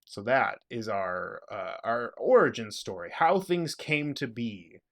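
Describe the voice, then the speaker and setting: A man's voice: mid-range voice, sing-song, measured pace, fairly bright tone. Man hosting a worldbuilding podcast. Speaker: podcast host and game master. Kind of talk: casual chat and read-aloud world narration.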